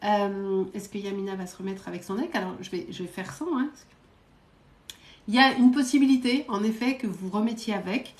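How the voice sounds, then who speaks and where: A woman psychic medium giving quick readings to viewers during a live stream, direct and coaxing, often adding little verbal tags. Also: mid-range voice, fairly even intonation, reverberant. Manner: brisk, direct, coaxing, peppered with "hein" and "euh".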